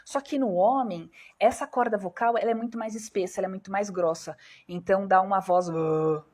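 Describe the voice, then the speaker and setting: A woman with a Brazilian Portuguese accent talks through a live stream as a doctor, her voice a little breathy and middle in pitch. She explains patiently and poses questions to her viewers before answering them herself. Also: a little fast, darkish tone.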